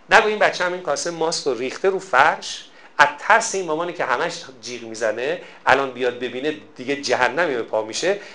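A man's voice: a little high, a bit bright. A man giving a storytelling sermon as a religious lecturer, emphatic and exhorting, who repeats his key phrases.

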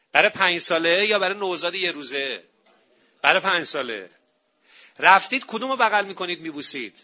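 A man giving an animated public talk on parenting and family, telling stories and acting out what people say. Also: sits high, husky. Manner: animated storytelling, acting out quotes. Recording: dull lo-fi recording.

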